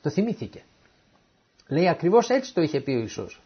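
A man's voice: a little high, slightly rough. A man preaching a sermon who reads scripture verses and then retells them in everyday words. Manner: animated, acts out the quoted speakers. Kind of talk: sermon explaining a Bible passage. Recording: dull lo-fi recording.

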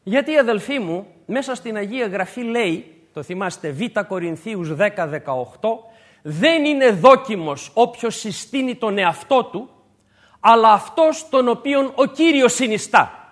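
High, animated male preacher. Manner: emphatic, repeats key points to a congregation. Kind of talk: sermon.

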